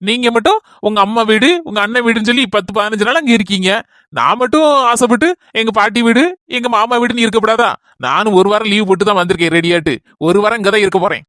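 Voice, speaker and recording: Young son, cartoon, Kanyakumari Tamil, woman voicing: fast, coaxing, mid-range voice. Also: medium pitch, a bit bright, no echo, studio quality, lightly acted. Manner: quick, coaxing and reasoning. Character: young adult son home on leave, easygoing.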